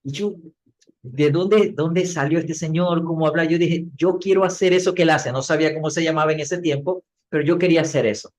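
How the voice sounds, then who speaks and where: A middle-aged man, a public speaking coach, telling his story as a podcast guest in an animated way, acting out what he said back then. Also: a little high, a little fast. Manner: animated, acts out his own past words.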